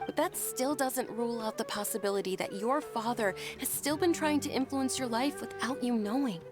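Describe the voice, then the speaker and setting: A woman playing a gentle, dutiful young noblewoman in a video game, polite, composed and earnest. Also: fairly high pitch, moderate pace, over music, close to an everyday voice. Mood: concerned.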